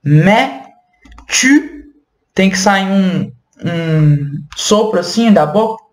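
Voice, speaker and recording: A woman teaching French pronunciation online, patiently repeating words slowly and explaining them casually. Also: medium pitch, roomy sound. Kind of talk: online language lesson.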